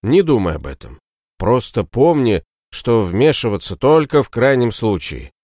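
A man reading an audiobook, voicing a calm male warband leader who gives firm, measured orders. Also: medium pitch, no echo, studio quality.

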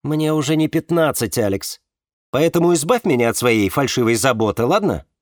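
A man's voice: mid-range voice, lively intonation, moderate pace, no echo, clean studio sound, lightly acted. A man reading an audiobook, voicing an angry, sarcastic young woman. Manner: sarcastic, snapping, voice breaking when shouting. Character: bitter, angry young woman, sharp-tongued.

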